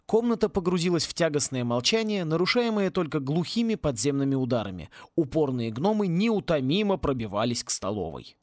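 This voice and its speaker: A man narrating a humorous fantasy audiobook in a playful, lively manner on a close home mic. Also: on the high side, brisk, few pauses, no room sound.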